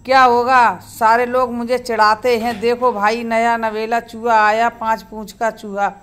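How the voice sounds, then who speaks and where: A woman's voice: on the high side, level tone, a little slow, fairly bright tone, clear, resonant tone. A woman voicing a small, sad baby rat in a children's story, whining about being teased. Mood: complaining.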